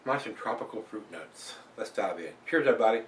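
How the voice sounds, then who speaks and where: A man's voice: fairly low pitch, a little fast, slight background noise. Older man reviewing beer in a roomy space. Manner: relaxed, chatty, with many fillers. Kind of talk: casual beer review vlog. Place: small room at home, indoors. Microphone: camera across the room. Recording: roomy and distant from the mic.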